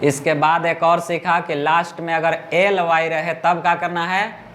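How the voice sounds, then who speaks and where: High-voiced male teacher drilling grammar. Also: flat delivery, a bit bright. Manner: repeats and drills words slowly, asks students if they understood. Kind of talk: classroom grammar lesson.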